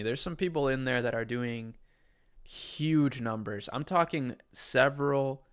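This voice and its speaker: A young adult man from Chile hosts a livestream, chatting in a relaxed, conversational way and answering viewers' questions from the chat. His voice is medium-pitched and smooth.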